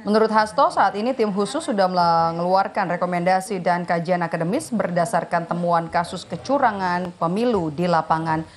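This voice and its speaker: A woman news anchor reading the news in a steady, formal delivery. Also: on the low side, normal speed, hardly any pauses.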